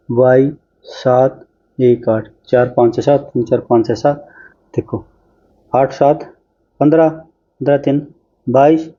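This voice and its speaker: Warm in tone and medium in pitch, a man leads an exam-prep math lesson, briskly chatting as he works problems out on screen. The audio quality is dull.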